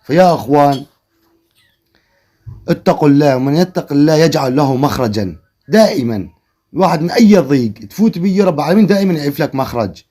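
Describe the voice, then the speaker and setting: A man's voice: fairly high pitch, lively intonation, fast talker, warm tone. A man telling a folksy story in an earnest, moralizing way. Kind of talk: spoken storytelling.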